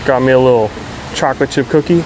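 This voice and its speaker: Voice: medium pitch, quick pace. A travel vlogger chatting casually to camera in an informal, easily enthusiastic way. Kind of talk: casual vlog chat to camera. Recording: noisy vehicle and outdoor ambience.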